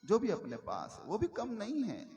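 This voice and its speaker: A male religious preacher giving a devotional sermon, measured and emphatic, repeating his key phrases as he tells stories. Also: high voice, wildly swooping pitch, creaky, dark tone. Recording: reverberant hall with faint music.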